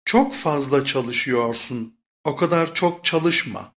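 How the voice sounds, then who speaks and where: A speaker reading short phrases for a language course in a measured way. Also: medium pitch, fairly bright tone. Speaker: Turkish phrase reader.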